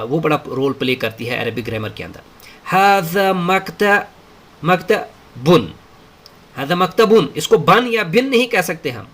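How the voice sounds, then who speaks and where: A man teaching an Arabic lesson, switching between Hindi-Urdu and English and reading Arabic drills aloud, with many drawn-out fillers. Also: a little high, pushed and bright. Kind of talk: spoken lesson.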